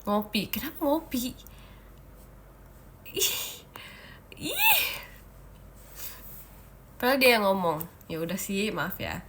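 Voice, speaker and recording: A woman's voice: mid-range voice, wildly swooping pitch, takes it slowly, long pauses, fairly bright tone, a little hiss or hum. A young woman hosting a casual livestream chat, playful and giggly, teasing her viewers while sick with a cough and a stuffy nose. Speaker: idol livestream host.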